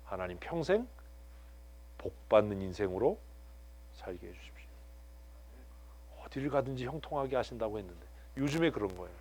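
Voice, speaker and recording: Animated Korean pastor preaching. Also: male voice, on the low side, brisk, pauses often, breathy edge. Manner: animated, swings from hushed to loud, laughs often. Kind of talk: sermon. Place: church sanctuary.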